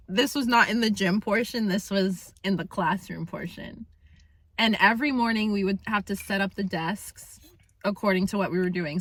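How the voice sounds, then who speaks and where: A woman vlogger telling stories in casual chat, laughing often and acting out what people said. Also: medium pitch. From England. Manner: animated, laughs often, acts out quotes.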